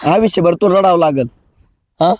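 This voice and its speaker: An actor playing a nervous young boyfriend who talks softly and pleadingly. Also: male voice, high voice, moderate pace, no room sound, lightly acted.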